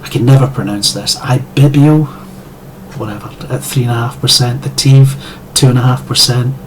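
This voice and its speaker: A man's voice: medium pitch, fairly even intonation, brisk, slight background noise, low-quality recording. A Scottish man delivering a sardonic, profane monologue as a commentator. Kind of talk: scripted monologue.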